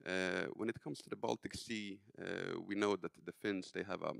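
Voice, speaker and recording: A man from Sweden speaking as a panelist, measured with occasional fillers. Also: deep voice, fairly even intonation, creaky, fairly bright tone, no room sound, clean studio sound. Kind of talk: panel discussion remarks.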